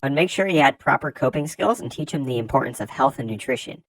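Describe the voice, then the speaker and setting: A narrator reading forum posts aloud in scripted narration, with lively swings in pitch and loudness. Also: fast, low-quality recording.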